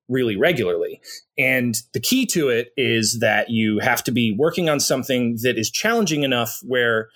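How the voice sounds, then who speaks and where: A young adult man in a relaxed conversation, his voice at an ordinary middle pitch. He rambles, fills gaps with "like" and "you know" and restarts his sentences as he goes. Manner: rambling, many fillers and restarts. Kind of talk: casual conversation.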